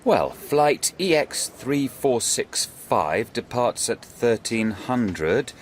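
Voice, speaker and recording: A man's voice: mid-range voice, big pitch swings, slow, slight background noise. A man playing a polite, businesslike airline ticket clerk in a scripted language-course dialogue.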